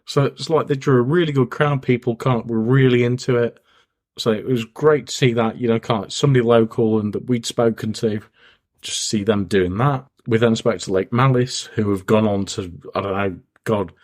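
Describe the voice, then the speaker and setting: A man's voice: mid-range voice, normal speed, darkish tone. A man co-hosting a podcast in casual chat, rambling and restarting sentences while he has the hiccups. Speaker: podcast co-host.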